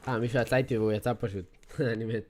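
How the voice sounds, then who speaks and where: Excitable teen gaming streamer. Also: male voice, mid-range voice. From Israel. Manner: slangy, excitable, keeps calling out to chat and players. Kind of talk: casual livestream chat while playing. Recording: noisy stream audio with clicks.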